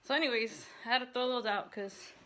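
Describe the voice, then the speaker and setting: A woman's voice: on the high side, a little fast, sharp tone. A woman fitness vlogger talking casually in a rambling, slangy way, breathless from exercise. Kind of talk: casual chatty workout vlog.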